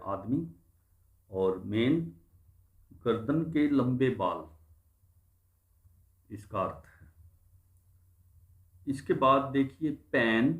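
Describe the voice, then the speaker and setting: A man's voice: mid-range voice, roomy sound, narrow, tinny audio. A man teaching English pronunciation in Hindi. He spells words out letter by letter and then explains what they mean. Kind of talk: Hindi-language pronunciation lesson.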